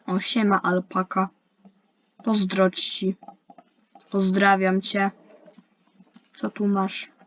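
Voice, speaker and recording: A woman's voice: mid-range voice, little pitch movement, very slow, long pauses. Young woman chatting over a game, lo-fi. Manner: chatty, complaining, talks to herself and other players. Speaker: gaming youtuber. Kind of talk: casual gameplay commentary. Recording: dull lo-fi mic with faint hiss.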